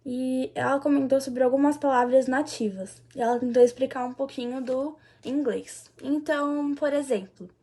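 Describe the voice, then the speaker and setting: A woman's voice: high-pitched, fairly even intonation, moderate pace, hardly any pauses, dark tone. A young woman presenting a school assignment, hesitant and full of fillers. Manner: hesitant, uses many fillers. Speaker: student presenter.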